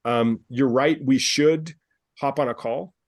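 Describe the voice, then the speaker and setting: A dance studio business coach hosts a group coaching call over video, speaking slowly in a medium-pitched voice. Upbeat and persuasive, he often repeats phrases and addresses callers by name, and the recording sounds dry and close.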